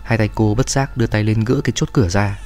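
A man narrating a horror story in a steady, measured way. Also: fairly low pitch, music in the background.

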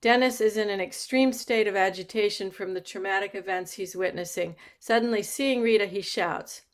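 A woman reading the stage directions aloud at a play reading in a measured way. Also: mid-range voice.

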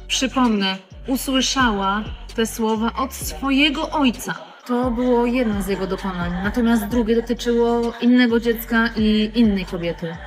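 Woman, 30s, indignant phone statement indoors, faint music underneath. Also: fairly high pitch. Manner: indignant, emphatic. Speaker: social media commentator. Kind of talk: direct-to-camera statement. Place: indoors, restaurant. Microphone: phone at arm's length.

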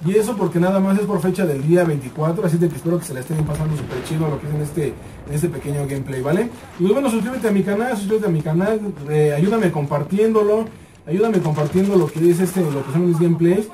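Excitable high-voiced Mexican gamer. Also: male voice, fast talker, far from the mic, a little hiss or hum. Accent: Mexican Spanish. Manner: excitable, swearing, repeats words in bursts. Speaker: gaming YouTuber. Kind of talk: casual gameplay commentary.

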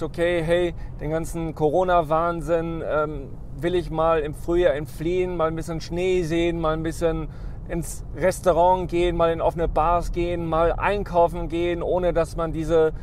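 A man with a fairly high, slightly mellow voice hosts a casual travel vlog while driving through a snowy forest, rambling with many ums and restarts. A camera on the dashboard records him, and faint car noise can be heard.

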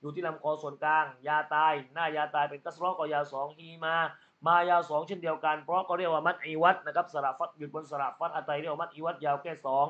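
A man's voice: fairly high pitch, level tone, quick pace, a bit bright. A man teaching Quran reading, patiently explaining letter sounds and tajweed rules step by step. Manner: patient step-by-step explanation, frequent polite particles. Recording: muffled lo-fi recording.

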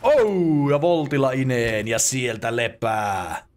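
A man from Finland giving casual let's play commentary, excitable and swearing, with yelps and laughs at the game. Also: medium pitch.

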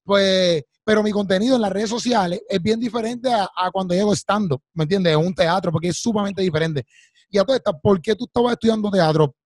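Fast high-voiced host. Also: male voice, a little mellow, no room sound. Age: 30s. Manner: eager, affirming, repeats himself. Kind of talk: casual interview chat. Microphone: studio mic with headphones.

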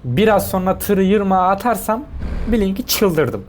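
An excitable man with a fairly high voice gives running commentary while he plays, piling up quick repeated words as things happen on screen. Faint game noise hums behind him. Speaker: gaming streamer.

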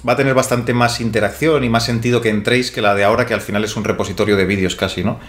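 A man's voice: mid-range voice, fairly even intonation, rapid-fire, echoey room. A young man hosting a board game live stream, chatting loosely with many restarts and self-corrections, speaking into a desk microphone on a small studio set. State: sweating heavily. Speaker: host of board game channel. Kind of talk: casual live-stream chat.

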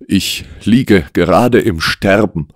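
A man voicing a frantic, sickly middle-aged gentleman in an audiobook, talking in urgent, breathless, insistent bursts. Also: low voice, takes it slowly, no room sound, clean studio sound, voice pushed up. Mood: desperate.

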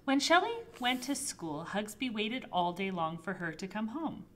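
A woman librarian reading a picture book aloud to toddlers, gently and expressively. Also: mid-range voice, normal speed, a little hiss or hum. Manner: gentle, expressive storybook reading with soft voices for characters. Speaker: children's librarian. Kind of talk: toddler storytime read-aloud.

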